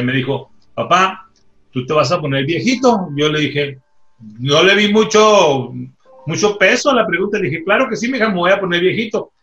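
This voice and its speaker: A man co-hosting a talk show, telling a story in an animated way and acting out the dialogue he quotes. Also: on the high side, reverberant, lo-fi sound. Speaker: co-host.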